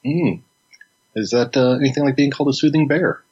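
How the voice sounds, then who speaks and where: A man's voice: medium pitch, fairly quick, a little mellow, slightly rough, muffled recording. A man co-hosting a podcast in a laid-back way with dry humor, his voice still sleepy from just waking up. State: just woken up, morning voice. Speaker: podcast co-host. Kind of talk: casual podcast chat.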